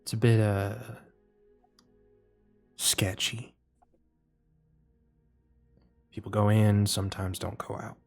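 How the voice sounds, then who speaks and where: A man voicing a flirty, nervous wood elf courtesan woman who talks in a hushed, secretive way. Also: rumbling low, moderate pace, slightly rough, faint music behind. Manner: hushed, secretive, sometimes snappish.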